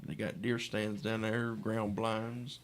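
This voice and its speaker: A man's voice: fairly low pitch, little pitch movement, slow. A man co-hosting live radio in a folksy way, giving a contest promo and chatting casually with callers. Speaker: radio co-host. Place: radio studio.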